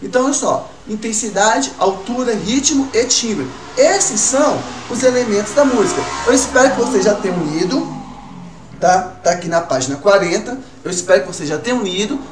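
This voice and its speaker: A man teaching a recorded music class to children, asking questions and answering them himself in a lively way. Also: high-pitched, a little fast, recorded from a distance. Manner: lively, talks to pupils as "gurizada", asks and answers his own questions. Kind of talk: recorded online class for kids. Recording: roomy, from off-mic, faint room noise.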